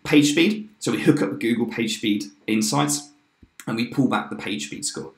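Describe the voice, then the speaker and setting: A man in his thirties giving an upbeat, chatty screen-share walkthrough of a software tool, with fillers and quick restarts. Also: mid-range voice, a little hiss or hum. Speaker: software demo presenter. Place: indoor room, webcam in corner of screen share. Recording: roomy echo.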